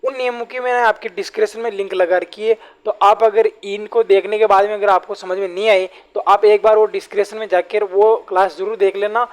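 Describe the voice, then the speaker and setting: In an online exam-prep lesson on Hindi grammar, a man with a high voice and flat delivery often calls his viewers companions. He repeats key phrases and reads example sentences slowly.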